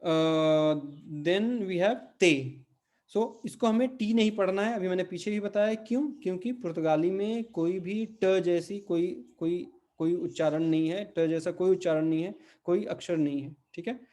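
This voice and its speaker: A man teaching a Portuguese pronunciation lesson, repeating each word slowly and checking in with his listeners. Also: sits high, dark tone. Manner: patient, repeats words slowly and checks with "ठीक है?". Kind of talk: spoken language lesson.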